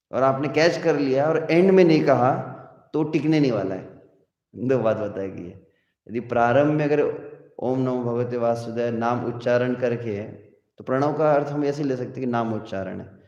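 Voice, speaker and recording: A man giving a devotional lecture in Hindi, slowly chanting scripture verses and then explaining them in a conversational way, with an occasional chuckle. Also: mid-range voice, darkish tone. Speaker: spiritual teacher. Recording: muffled, echoey hall recording.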